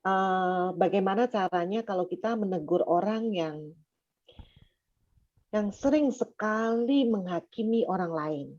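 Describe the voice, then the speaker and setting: A woman's voice: medium pitch, measured pace, a little mellow, no echo, muffled recording. A woman in a prayer group asking a hesitant question over a video call.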